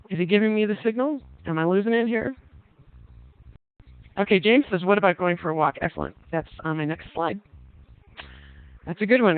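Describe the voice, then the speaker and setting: A man's voice: high-pitched, smooth, dry recording. A man leading a parenting class, chatting casually with frequent ums, reading out the group's answers and asking them questions. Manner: reads out participants' answers and asks the group questions; relaxed, conversational, frequent ums. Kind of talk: online class lecture. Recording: tinny phone-like line, dry.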